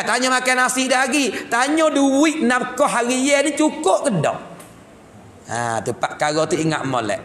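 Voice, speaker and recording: High-voiced man teaching in an echoing mosque. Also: slight background noise. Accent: Patani Malay. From southern Thailand. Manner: lively, joking, acts out household scenes. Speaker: religious teacher. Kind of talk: teaching a religious text in a mosque. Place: mosque hall. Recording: echoey hall with long reverb.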